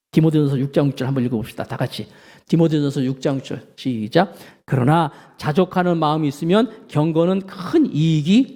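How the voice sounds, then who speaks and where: A man's voice: creaky, breathy edge. A man preaching a sermon as pastor, telling a story and acting out the voices of its people. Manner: storytelling preacher, acts out quoted voices with lively pitch swings. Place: church sanctuary.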